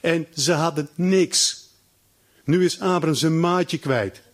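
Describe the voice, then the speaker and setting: A man preaching a sermon, retelling a scripture story with lively acted-out voices and frequent stammered restarts. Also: a little high, takes it slowly.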